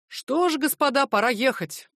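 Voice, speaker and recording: A woman's voice: sits high, animated, moderate pace, fairly bright tone, dry recording, clean studio sound, voice pushed up. A woman reading the part of an idealistic young student man who urges the others to leave. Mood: urging.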